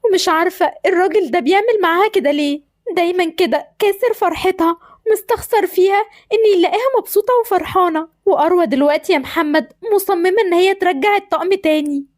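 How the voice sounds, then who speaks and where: A woman's voice: very high-pitched, darkish tone. A woman with an Egyptian accent voicing a loving, anxious mother in an amateur voice drama, tender and fretful. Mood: upset. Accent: Egyptian Arabic. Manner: tender, fretful, talks fast.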